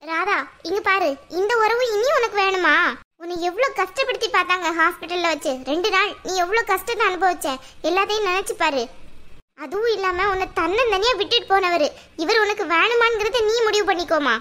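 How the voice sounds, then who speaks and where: A harsh, scolding cartoon mother-in-law who barks commands, as a woman puts her on. The voice sits very high and sounds bright and forceful. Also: brisk. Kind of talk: cartoon voice acting.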